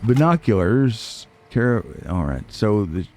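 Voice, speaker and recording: A gaming host with a fairly low, darkish voice and big pitch swings comments casually on a game at a measured pace. He muses to himself and gets self-deprecating along the way.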